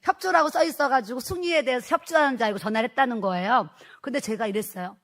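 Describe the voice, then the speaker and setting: A middle-aged woman pastor giving a personal testimony sermon, telling her story in a lively way and acting out the dialogue. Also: fairly high pitch, quick pace.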